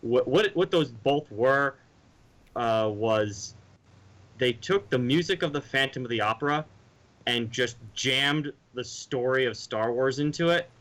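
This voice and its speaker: Rambling and restarting, this podcast co-host keeps things casual, throwing in imitated sounds as he talks. He speaks unhurriedly in a medium-pitched, slightly bright voice, captured in a low-quality recording.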